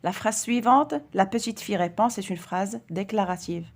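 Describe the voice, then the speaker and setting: A woman's voice: mid-range voice, moderate pace. A woman teaching a grammar lesson to primary school children, speaking carefully and stressing each example sentence.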